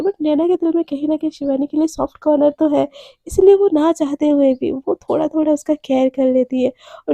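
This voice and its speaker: Hoarse high-voiced woman telling a story. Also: dark tone, dry recording. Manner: chatty, addresses listeners as friends. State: hoarse, sore throat. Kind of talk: casual spoken storytelling.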